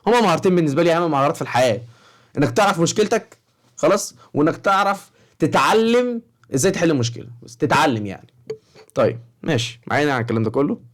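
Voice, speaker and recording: A young Egyptian man rattles off his thoughts at a breakneck pace in a casual vlog, rambling and constantly checking in with the viewer. His voice sits a little higher than most men's. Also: very animated, very fast. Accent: Egyptian Arabic. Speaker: study-advice vlogger for high school students. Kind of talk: casual fast-talking vlog.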